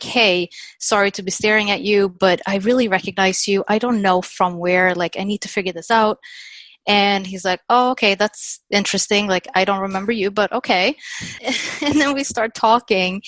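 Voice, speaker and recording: A woman in her thirties, from Sweden, telling her story as a podcast guest in a chatty, animated way. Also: fairly low pitch, dry recording. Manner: chatty, animated retelling with quoted dialogue and frequent "like". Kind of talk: casual storytelling interview.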